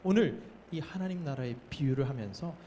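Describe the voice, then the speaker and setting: A man's voice: a little high, expressive, brisk, dark tone, a little hiss or hum. A young man preaching a sermon to a youth group, explaining with questions to the listeners and acting out the quoted speakers. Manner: acts out the quoted voices of master and servants. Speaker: youth pastor.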